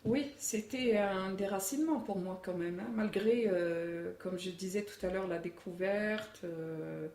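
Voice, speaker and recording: A middle-aged woman speaks in a measured, thoughtful way, pausing on fillers as she reflects. Her voice is gravelly, and she sits a little away from the mic in an echoey room. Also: mid-range voice, a little mellow, far from the mic. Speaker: interviewee, immigrant mother. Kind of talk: reflective interview answers.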